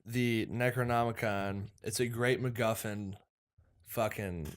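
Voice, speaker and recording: A man's voice: lowish voice, fairly even intonation, measured pace, clean tone. Young guy from Michigan, swearing casually. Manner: loose, swears a lot, enthusiastic. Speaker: podcast co-host. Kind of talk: casual chat.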